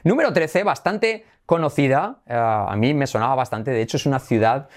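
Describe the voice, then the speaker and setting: A man's voice: mid-range voice, normal speed. A man from Spain with a Spanish accent giving a bilingual pronunciation lesson, playful and repeating words with exaggerated emphasis. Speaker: English pronunciation teacher.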